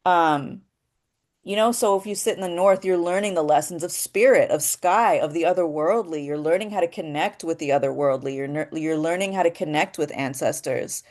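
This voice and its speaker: A woman's voice: sits low, moderate pace, a little mellow. A woman teaching voice acting in a casual spoken lesson, explaining her ideas step by step and often asking "right?". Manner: explanatory and thoughtful, with frequent "um" and "right?".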